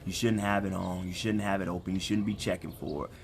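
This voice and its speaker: Speaking fast in a deep, gravelly voice with fairly even intonation, a man co-hosts a relationship ministry livestream from his backyard. He earnestly encourages listeners, repeating phrases for emphasis in a casual, preacherly chat, while some outdoor background noise comes through.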